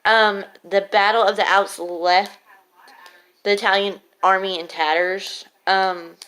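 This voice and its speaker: A woman speaks at a slow pace in a mid-range voice, her articulation slightly off from a swollen lip. She gives an informal academic presentation as a student, hesitant and halting, with long pauses between phrases. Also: mid-range voice, steady tone, fairly bright tone, smooth. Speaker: college student giving a class presentation.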